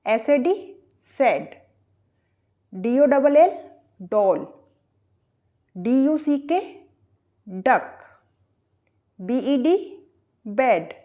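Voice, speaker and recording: A woman's voice: on the high side, animated, very slow, pauses often, warm tone. A woman teaching English pronunciation, spelling words out letter by letter and asking and answering her own questions. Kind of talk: explaining pronunciation rules.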